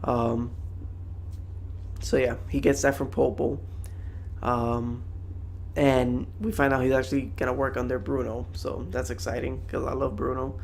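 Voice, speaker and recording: A man's voice: mid-range voice, level tone, a little slow, creaky, pauses often, slight background noise. A young man giving a casual, slangy, rambling anime review to viewers.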